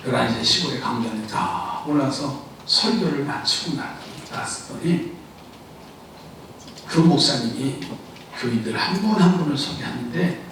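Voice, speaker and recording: A man preaching a Sunday sermon, his fairly high voice carrying from a distance through a very echoey sanctuary. He tells a story with jokes and keeps asking the congregation to answer him, with a faint hiss underneath. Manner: humorous, asks the congregation questions and urges answers. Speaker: pastor. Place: church sanctuary. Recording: very echoey hall, voice from far off.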